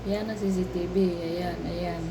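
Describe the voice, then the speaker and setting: A woman's voice: fairly low pitch, steady tone, a little slow. Chatty woman vlogging in an echoey office. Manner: chatty, laughs often, talks to herself. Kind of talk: casual vlog talk. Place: office at work. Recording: echoey room with background noise.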